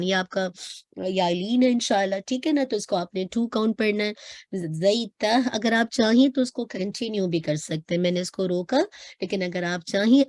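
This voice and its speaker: A woman teaching tajweed in a patient, step-by-step way, at a middle pitch. She recites Arabic words slowly and stretches them out. Her voice sounds dry and close, with almost no room sound. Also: darkish tone, no echo. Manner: explains step by step in Hindi-English mix, repeats "thik hai". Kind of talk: online tajweed lesson.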